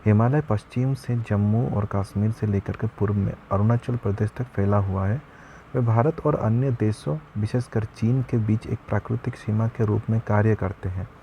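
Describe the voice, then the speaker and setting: A man's voice: lowish voice, moderate pace, muffled recording, slight background noise. A man teaching a geography lesson online, explaining step by step in a chatty way and addressing viewers as friends.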